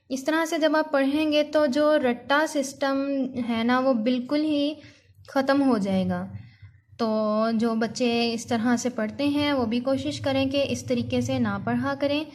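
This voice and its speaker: A woman teaching an English vocabulary lesson, drawing out each word slowly before explaining it quickly. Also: high voice. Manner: slow, drawn-out word readings followed by quick explanations.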